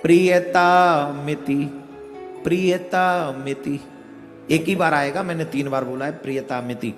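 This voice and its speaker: A man preaching a devotional discourse, giving slow, step-by-step instruction. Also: medium pitch. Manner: slow, instructive, chants a Sanskrit verse in a sing-song. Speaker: spiritual preacher. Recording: echoey hall with faint music behind.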